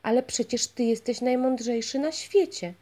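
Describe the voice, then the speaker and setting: A woman voicing a simple, blunt fisherman who calls out loudly and pleads, in a storybook reading. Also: on the high side, normal speed, voice pushed up, lightly acted. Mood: eager. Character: simple, blunt male fisherman, humble later.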